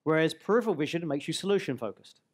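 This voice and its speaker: A man in his forties giving a live seminar on a hall stage into a headset mic, guiding the audience through an exercise and slowing on key words. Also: on the high side, expressive. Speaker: speaker and trainer.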